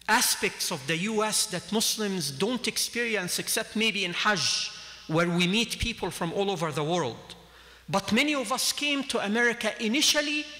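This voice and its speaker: A man's voice: sits high, pushed and bright. A man in his thirties from Egypt giving an earnest sermon at a lectern mic in a large mosque hall, gesturing as he speaks. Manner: earnest, gesturing with both hands. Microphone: standing mic at a lectern. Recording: long hall reverb.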